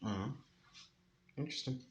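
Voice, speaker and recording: A man's voice: fairly quick, reverberant. A teenage boy co-hosting a casual chat, playful and given to mock-indignant rants. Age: teens. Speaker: podcast co-host.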